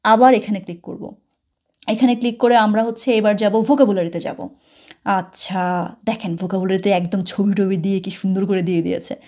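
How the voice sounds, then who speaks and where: A woman's voice: mid-range voice, steady tone, brisk, mellow. A woman teaching a language lesson over a screen share, chatty, slipping into English phrases and repeating words after the audio.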